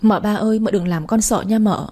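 A woman's voice: medium pitch, fairly even intonation, a little fast, warm tone, husky, close to an everyday voice. A woman reading the part of a young maid who speaks in a tearful, coaxing, pleading way.

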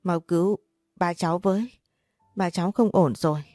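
A woman's voice: fairly low pitch, moderate pace, dark tone, no room sound, clean studio sound, soft background music, lightly acted. A woman voicing a frightened thirteen-year-old girl who pleads through sobs. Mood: panicked. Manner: sobbing pleas.

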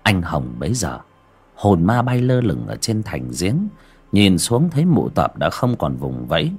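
A man's voice: sits low, very animated, unhurried, a little mellow, slightly rough. A man narrating a horror story with dramatic delivery.

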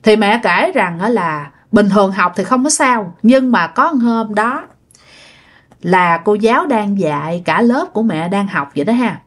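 A woman's voice: medium pitch, lively intonation, measured pace. A woman with a Southern Vietnamese accent narrating a ghost story in a chatty way, addressing listeners directly.

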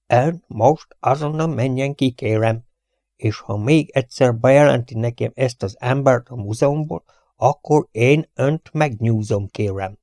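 A man voicing a nervous young prince in uniform who hisses polite threats slowly in an audiobook reading. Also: mid-range voice, mellow, no room sound, studio quality, close to an everyday voice. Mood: irritated, hissing. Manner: slow, hissing threats.

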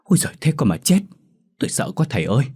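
A man's voice: mid-range voice, very animated, very fast, darkish tone, slightly rough, pitched above the performer's own voice. A man voicing a frightened old grandfather in a ghost story, stammering and pleading in a trembling voice. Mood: terrified.

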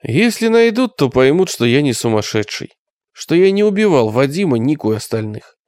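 A man voicing a withdrawn, haunted survivor, speaking quietly and slowly in an audiobook. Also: fairly high pitch, very animated, clean tone, no room sound, studio quality. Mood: uneasy. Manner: quiet, brooding, slow. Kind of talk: audiobook character reading.

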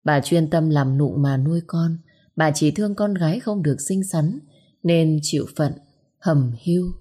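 Low husky woman storyteller. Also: a little slow, warm tone. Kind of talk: scripted story narration. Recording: faint music behind. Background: faint background music.

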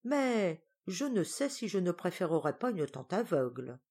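A woman reading aloud voices a gallant young man in love, earnest and flattering. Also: fairly low pitch, a little slow, husky, heavily acted. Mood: ardent. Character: ardent young male painter, gallant.

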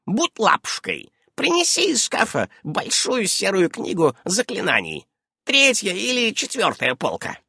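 A high, shrill old witch, as a man puts her on for an audiobook. She is fussy and brisk, firing questions and cutting in, her voice swooping up and down. A husky, dry sound runs under it. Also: huge pitch swings, pushed and bright, dry recording, full character voice. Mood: brisk, prying. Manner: shrill, darting, interrupting. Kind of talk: audiobook character voice.

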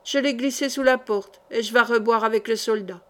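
A woman's voice: fairly high pitch, fairly even intonation, brisk, a bit bright, natural voice. A woman voicing a naive, touchy young male bread carrier who talks in clipped rustic country speech, in an audiobook. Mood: piqued.

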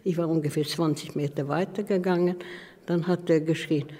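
An older woman, not a native German speaker and from outside Sweden, speaks with a foreign accent in a low, steady, warm voice. An artist being interviewed, she recalls her life partner in halting, anecdotal personal reminiscence. The recording has long hall reverb and a noisy background.

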